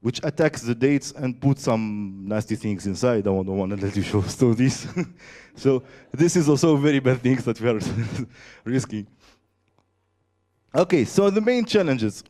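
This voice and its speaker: Brief: male presenter, mellow and warm, hesitant with lots of uh's. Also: mid-range voice, animated. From Tunisia. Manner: halting, searching for words with many fillers. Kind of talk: conference presentation.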